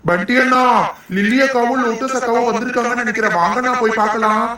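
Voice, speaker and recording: A man's voice: extremely high pitch, steady tone, fast, very echoey, recorded from a distance, over a noisy crowd. A man voicing cheeky, boastful young boys in a cartoon, talking in a bold, teasing and argumentative way. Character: cheeky young boy playmates, boastful and quarrelsome. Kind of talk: cartoon dubbing.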